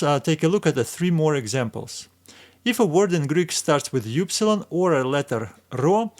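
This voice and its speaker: Patient male Greek teacher, mid-pitched voice. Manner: patient, repeats each word three times. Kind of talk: instructional video lesson.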